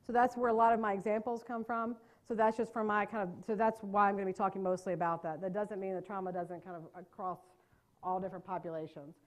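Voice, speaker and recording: A trauma care trainer in a meeting room addresses a live audience: she's a middle-aged North Carolina woman with a Southern accent, a medium-pitched voice and a steady tone. Her talk is quick, chatty and joking, with plenty of self-deprecating jokes.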